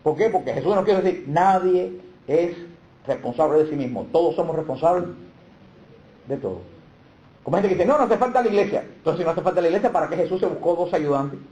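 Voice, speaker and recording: A man giving a catechism lecture with emphatic stresses and rhetorical questions. His voice sits a little high but has a dark, mellow tone. The room around him is echoey. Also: brisk.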